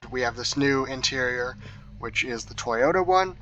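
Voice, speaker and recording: A man casually walking through a game mod update, rambling with frequent ums, heard through low-quality audio capture. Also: lively intonation, normal speed, dull audio, background noise. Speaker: mod review video host. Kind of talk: casual gameplay walkthrough.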